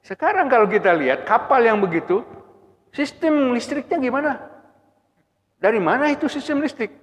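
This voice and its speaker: A man's voice: very high-pitched, lively intonation, normal speed. A man giving a humorous Quran exegesis lecture in a mosque, asking rhetorical questions and chuckling often. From Brunei. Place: mosque hall. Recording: muffled lo-fi recording with long hall reverb.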